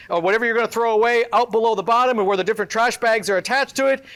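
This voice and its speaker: A man emceeing a live event, introducing student products one after another in an upbeat pitchman style with joking asides to the audience. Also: fairly bright tone.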